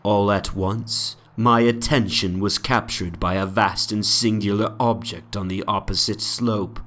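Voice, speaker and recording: A man narrating a horror story as a dramatic reading, with a theatrical, brooding, drawn-out delivery. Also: fairly low pitch, fairly even intonation, a bit bright, a little hiss or hum. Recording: music bed under the voice. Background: music soundscape.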